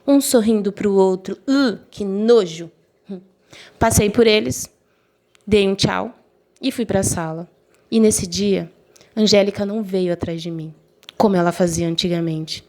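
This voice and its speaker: A young woman telling a personal story in the first person, emotional and expressive, briefly voicing the other people in it. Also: mid-range voice, unhurried, long pauses. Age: young adult. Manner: emotional, voices quoted friends and mother lightly.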